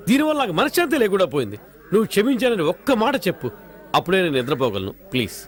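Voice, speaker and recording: A man's voice: sits high, wildly swooping pitch, racing. An actor playing an anxious older father who pleads and scolds his daughter. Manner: pleading, scolding, shouts in bursts.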